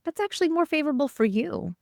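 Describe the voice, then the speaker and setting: A woman's voice: sits high, expressive, quick pace, gravelly, a little mellow, dry recording, clean studio sound. A woman guest on a podcast, a co-parenting coach who talks emphatically and keeps checking in with tag questions. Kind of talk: podcast interview, casual chat.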